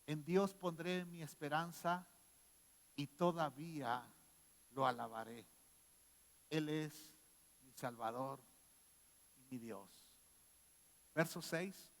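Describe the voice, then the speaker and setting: A man preaching a sermon as a pastor. He moves between quiet scripture reading and loud shouted exhortation. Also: a little high, slow, pauses often, in a large hall.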